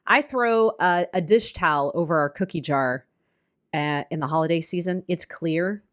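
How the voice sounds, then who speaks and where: A woman co-hosting a casual diet podcast, upbeat and quick to laugh. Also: fairly low pitch. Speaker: podcast co-host, diet coach.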